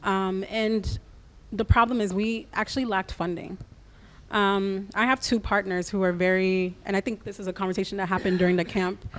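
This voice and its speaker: A woman, raised in the United States, speaks as a guest in a radio interview, explaining her creative business in a practical, measured way. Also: mid-range voice, fairly even intonation.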